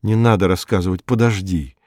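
A man reading the lines of a gentle, worried young actress in a soft, pleading way. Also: deep voice, fairly even intonation, a little fast, dry recording, clean studio sound.

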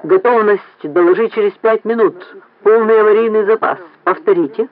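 Man doing a strict young director, short orders, highish voice, phone-line sound. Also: moderate pace, close to an everyday voice. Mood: commanding. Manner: curt, gives orders. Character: young stern male base director, brisk and commanding. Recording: tinny phone-like lo-fi recording.

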